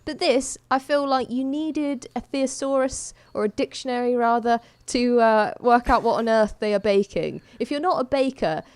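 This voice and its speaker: Chatty woman, high and dry. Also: normal speed, few pauses, smooth, dry recording. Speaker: podcast host. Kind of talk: casual chat.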